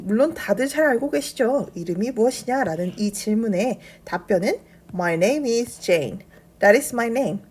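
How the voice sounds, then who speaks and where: A woman teaching a beginner English lesson, her voice a little breathy and husky. Her pitch moves up and down a lot as she explains grammar patiently, step by step. She slows right down to repeat each English phrase carefully for her students. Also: a little mellow.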